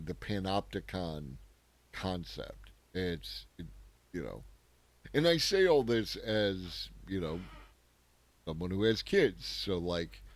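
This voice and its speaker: A man hosting a daily news commentary show, talking casually and sarcastically, thinking aloud and often tagging his points with a questioning "right?". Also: low voice.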